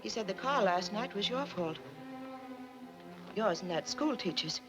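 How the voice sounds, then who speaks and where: An actress playing a soft-spoken, hesitant middle-aged Southern aunt worried about her nephew, in a 1940s film. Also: medium pitch, lively intonation, a little slow, lightly acted. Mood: concerned. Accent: American Southern. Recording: old film soundtrack with loud music.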